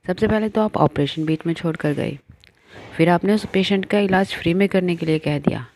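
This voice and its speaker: A woman's voice: on the low side, brisk, a little mellow, close to an everyday voice. A woman voicing an angry middle-aged wife and mother who scolds her husband sharply. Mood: scolding.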